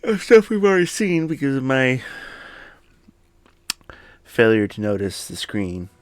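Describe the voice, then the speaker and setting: A man's voice: mid-range voice, very animated, measured pace, smooth, dry recording, clean studio sound. A man streaming a game from his home office, chatting casually and self-deprecatingly with many restarts. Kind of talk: casual gameplay commentary.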